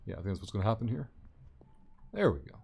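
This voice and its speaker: A man's voice: on the low side, very animated, fast, creaky, a little mellow, breathy edge, soft background music. A man hosting a gameplay video with casual, thinking-aloud commentary. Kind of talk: casual game commentary, reading along.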